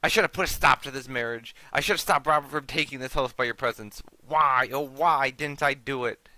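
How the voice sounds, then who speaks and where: A man's voice: medium pitch, fairly quick, bright, forceful tone, no echo, low-quality recording. A man voicing a gaunt, guilt-ridden old nobleman driven mad, ranting and menacing in a raised voice.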